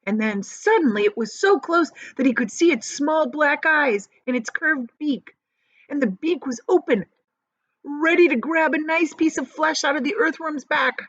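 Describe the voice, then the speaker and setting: A woman with a high, slightly bright voice tells a children's story at a moderate pace, dramatic like a teacher reading to the class and explaining words to the kids. The recording is dry yet slightly muffled.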